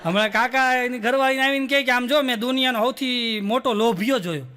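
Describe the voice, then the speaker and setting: A Gujarati comedian on stage, spinning joke after joke in a strikingly high, bright and forceful voice. He slips into the characters of his tales and laughs along with his own punchlines. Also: brisk, clean tone. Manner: storytelling, acting out characters with raised pitch and laughing through punchlines. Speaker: stand-up comedian. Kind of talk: stand-up joke telling.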